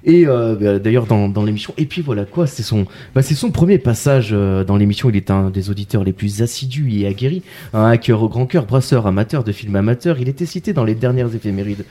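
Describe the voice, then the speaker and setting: A man's voice: fairly low pitch, animated, a little fast, few pauses, mellow. A man hosting a casual podcast, introducing guests with playful puns and wordplay. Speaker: podcast host. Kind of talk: casual chat.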